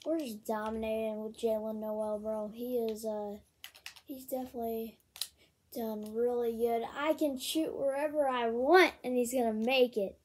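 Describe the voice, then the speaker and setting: A woman casually talking through a video game, with many ums and excited bursts over card pulls. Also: fairly high pitch, normal speed, a little hiss or hum. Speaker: gaming channel host. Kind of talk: casual gameplay commentary.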